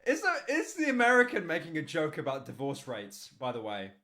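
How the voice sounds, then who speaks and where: A man's voice: a little high, brisk. Rambling young man streaming. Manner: rambling, stammering restarts, sudden excited outbursts. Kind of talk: casual live-stream reaction.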